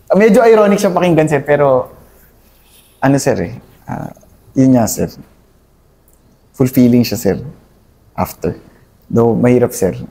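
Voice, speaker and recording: A man's voice: mid-range voice, a little slow, creaky, long pauses, mellow. A young Filipino army captain being interviewed, recounting his service in a deferential, hesitant way and calling the interviewer "sir" in nearly every line. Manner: deferential, says "sir" constantly, hesitant with many fillers.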